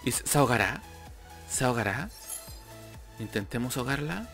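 Young man, casual gameplay commentator, rambly and repetitive, medium-pitched, soft music underneath. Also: lively intonation, moderate pace. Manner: talkative, repeats himself, frustrated rambling. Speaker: gamer youtuber. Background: faint background music.

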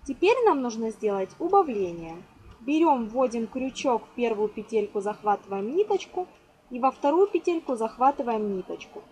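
Warm, sing-song and fairly high-pitched, this craft host speaks at normal speed while teaching an informal step-by-step lesson at an indoor table. She counts aloud and sprinkles in affectionate diminutives; the homemade recording is low-quality with clear background noise.

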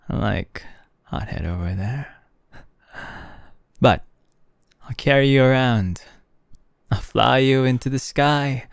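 A young man voicing a gentle, teasing male hero who speaks softly with little laughs in a fan audio roleplay. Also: mid-range voice, creaky, no echo, studio quality.

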